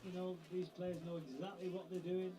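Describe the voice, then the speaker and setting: A man giving measured, matter-of-fact television football analysis as a pundit. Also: high voice, level tone, dark tone, rough recording.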